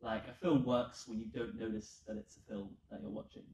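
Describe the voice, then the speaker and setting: A man's voice: mid-range voice, fairly even intonation, brisk, background noise. A man on a film panel speaking in a thoughtful, analytical way. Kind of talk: panel answer. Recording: distant, echoey.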